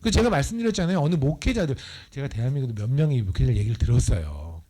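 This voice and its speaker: A male missionary preaching a lively Bible study sermon in a church, playful and teasing, acting out voices as he explains scripture. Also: medium pitch, very fast.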